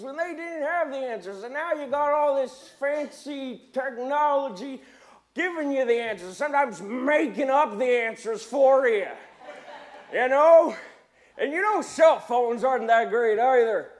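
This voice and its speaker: A man performing a grumpy, nostalgic old man in a comic monologue, rambling and grumbling about how things used to be. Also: extremely high pitch. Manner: rambling, grumbling, folksy old-timer talk.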